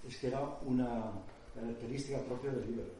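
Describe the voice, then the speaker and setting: Casting: male lecturer, mellow, relaxed and conversational, recorded from afar in a boomy hall. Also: quick pace. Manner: conversational, explains with examples, thinks aloud. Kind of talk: conference talk with audience questions. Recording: echoey hall, distant mic, faint noise.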